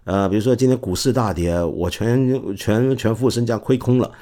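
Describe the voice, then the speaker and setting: A middle-aged man hosting a podcast, telling stories in a casual, animated way and acting out the quotes. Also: lowish voice, normal speed. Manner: animated, acts out quotes with laughs. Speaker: podcast host. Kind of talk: casual storytelling talk.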